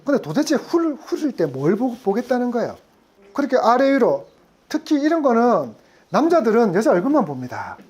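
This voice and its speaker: A woman's voice: on the high side, very animated, a little fast, a little mellow, slightly rough, muffled recording. A woman lecturing on insurance sales, often putting questions to her audience. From Gyeongsang region. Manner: asks the audience frequent questions. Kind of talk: lively classroom lecture.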